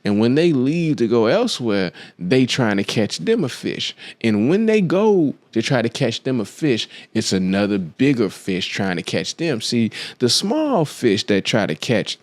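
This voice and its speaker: A man's voice: mid-range voice, very animated, unhurried, hardly any pauses, no room sound. A man hosting his own show, telling a film story in a casual, slangy way and acting out the quotes as he goes. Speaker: podcast host. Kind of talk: casual monologue, film analysis.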